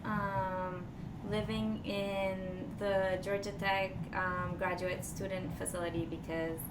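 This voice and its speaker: Appearing as a guest on a podcast, this design strategist from Costa Rica responds slowly and casually, her hesitant answers sounding carefully considered. Her voice sits in the mid-range with little pitch movement. The recording picks her up from afar, with echo and a clearly noisy background.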